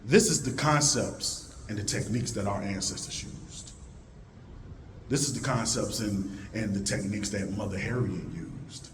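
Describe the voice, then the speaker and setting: At a moderate pace, a man with a deep voice speaks animatedly to a live conference audience in a hall. His motivational talk swings from loud calls to the crowd down to hushed, low tones, with slight background noise present.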